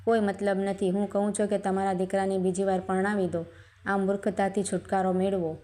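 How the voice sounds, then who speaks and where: A woman voicing a nosy, gossiping neighbor woman who meddles spitefully, in a plain, even reading. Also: mid-range voice, a little fast, natural voice.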